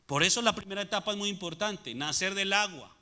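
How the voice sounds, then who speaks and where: A Latin American pastor preaches a sermon, posing rhetorical questions to the congregation and answering them himself. His voice sits high and sounds sharp, and he talks fairly quickly.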